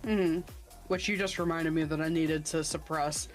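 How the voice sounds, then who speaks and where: A woman's voice: low voice, steady tone, moderate pace, faint music behind. A woman chatting casually with a friend on a stream, easygoing and dropping the odd "uh". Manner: easygoing, fills with "uh". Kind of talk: casual chat.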